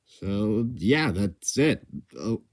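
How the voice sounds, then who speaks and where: A young man hosting a channel casually runs through the rules for a creature-design contest, unscripted. His voice is on the low side and darkish, expressive but very slow. He's impulsive and enthusiastic, stammering often with lots of restarts and fillers.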